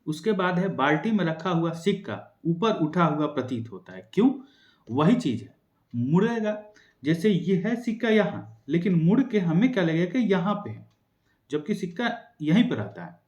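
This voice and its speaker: A young male tutor runs through exam questions at a quick clip, posing each one and answering it himself. His fairly high voice rises and falls a lot, and it rings in a roomy, echoey space. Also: very animated, darkish tone, lo-fi sound. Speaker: teacher. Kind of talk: exam-prep science lesson.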